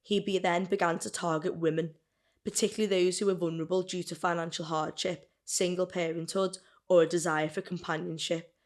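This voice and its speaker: A woman's voice: fairly low pitch, flat delivery, a little fast. Chatty woman reading a crime story. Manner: chatty, laughs, stumbles over words, drinking wine. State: burping and hiccuping. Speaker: podcast co-host telling the case. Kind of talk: casual true-crime chat, reading notes.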